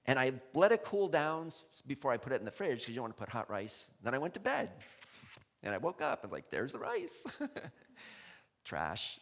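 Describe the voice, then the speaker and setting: A male pastor giving a sermon in a conversational, animated way, laughing often. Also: medium pitch, a little fast, a little hiss or hum. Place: church sanctuary. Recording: long reverb in a large hall.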